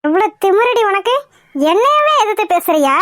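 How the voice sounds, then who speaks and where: A woman's voice: very high voice, very animated, moderate pace, a bit bright, no echo, clean studio sound, exaggerated voice. Sneering mother-in-law, as a woman voices her. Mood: scornful. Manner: taunting, sneering, mocking. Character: haughty scornful middle-aged mother-in-law. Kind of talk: cartoon voice acting.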